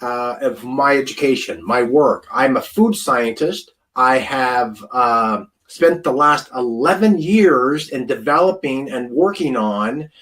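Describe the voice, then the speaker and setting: A man's voice: medium pitch, expressive, slow, hardly any pauses, a bit bright. A man in his fifties, a food scientist giving an informal wellness presentation, rambling and chatty with many fillers, close to the camera mic. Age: 50s.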